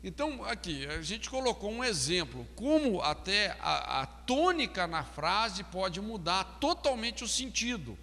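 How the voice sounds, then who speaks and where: A man with a high-sitting, very animated voice speaks unhurriedly with few pauses and a sharp tone, the sound filling a big room. He's a pastor teaching a counseling course in a recorded lecture, explaining things, stressing key words and often tagging on "não é?"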